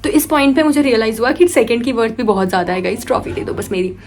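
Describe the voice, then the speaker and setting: A young woman vlogger telling a personal story in a lively, animated way, switching between Hindi and English and acting out her own quoted lines. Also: fairly high pitch, fast. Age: young adult. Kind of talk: casual storytelling vlog.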